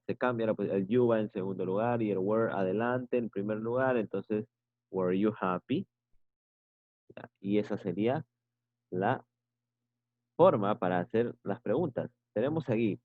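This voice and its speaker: A male teacher leads an online English grammar lesson, explaining patiently and checking understanding with short tag questions. His voice is fairly low-pitched with no echo, but the recording sounds tinny, like a phone.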